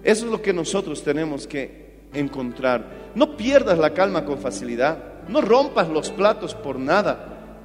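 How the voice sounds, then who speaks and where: High-voiced pastor preaching with drama. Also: male voice, long reverb tail. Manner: dramatic storytelling, acting out quotes, calls listeners "my brother". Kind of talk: sermon.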